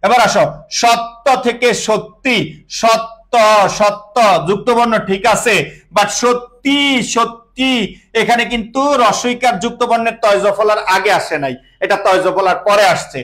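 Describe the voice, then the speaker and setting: A man's voice: high-pitched, measured pace, a bit bright. A young Bangladeshi man teaching an online class, drilling pronunciation and asking and answering his own questions, with English words mixed into his speech.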